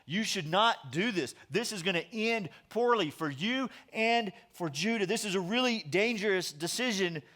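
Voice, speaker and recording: A man's voice: sits high, expressive, normal speed, hardly any pauses, a bit bright, voice pushed up. A man preaching who voices a prophet warning a king. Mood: urgent. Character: earnest male prophet, warning.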